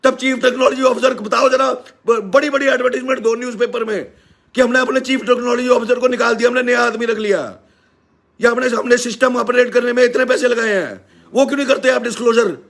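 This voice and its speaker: A man with a Haryanvi accent hosting a live stream, ranting loudly and indignantly as he scolds a company. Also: extremely high pitch, fairly even intonation, fast, vocal fry. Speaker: live-stream host and teacher. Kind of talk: angry live-stream rant.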